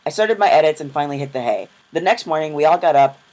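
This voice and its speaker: A man's voice: fairly high pitch, lively intonation, a little mellow, poor audio. A young man narrating his travel vlog in a casual, self-deprecating storytelling voice-over. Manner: chatty, self-deprecating, quick asides. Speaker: vlogger.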